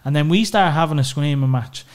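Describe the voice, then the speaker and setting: An Irish man speaks as a podcast guest in a candid personal conversation, opening up about his family with real emotion. His voice is fairly high and brisk. He swears casually and fills his speech with lots of "you know."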